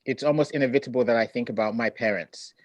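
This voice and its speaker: A middle-aged poet and author raised in Ghana reads his poems and talks about family on a video call, relaxed and conversational. His medium-pitched, slightly mellow voice is measured and reflective, with thoughtful pauses, and there's no room sound.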